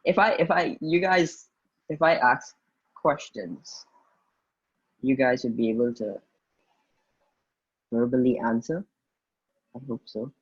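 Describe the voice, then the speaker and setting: A young man runs an online tutoring session over a video call. His voice is husky and his delivery is informal and hesitant, with frequent restarts. The call audio is dull and lo-fi. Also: mid-range voice, takes it slowly, pauses often. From Guyana, raised in the Bahamas.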